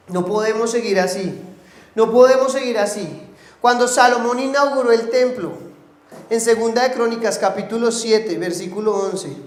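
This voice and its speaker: Male pastor, high-ish voice, fervent preaching in a reverberant church. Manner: impassioned preaching, rising to emphatic pleas. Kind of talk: sermon.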